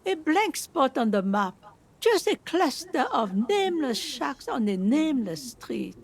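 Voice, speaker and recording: A woman's voice: sits high, very animated, unhurried, full character voice. An actress playing a very old washerwoman in a video game, weary, plainspoken and folksy in a resigned way. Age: older. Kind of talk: video game dialogue acting.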